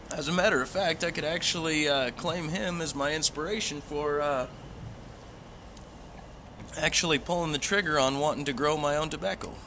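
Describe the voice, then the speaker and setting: A man with a bright, forward voice chats casually as if to online regulars. He rambles along in an easygoing, folksy way. There is some faint background noise behind him. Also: on the high side. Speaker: pipe hobby vlogger. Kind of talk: casual livestream chat.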